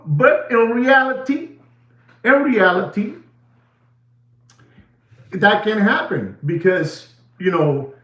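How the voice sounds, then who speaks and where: A livestream host from New York with a Puerto Rican accent rambles casually, full of fillers and scattered bits of Spanish. His voice is high-pitched and slightly bright, and the room sounds echoey.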